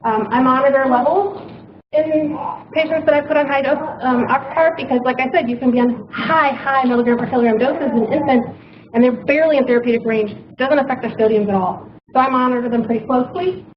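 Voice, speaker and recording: A woman's voice: high voice, fairly quick. A woman doctor speaking at a conference, hesitant, with frequent ums as she shares clinical lessons. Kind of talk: conference talk. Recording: muffled, noisy hall recording.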